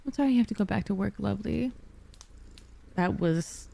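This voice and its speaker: A woman livestreamer with a soft, cozy storybook voice, chatting casually and affectionately with her viewers, using pet names. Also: mid-range voice, normal speed, creaky. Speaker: livestreamer, VTuber.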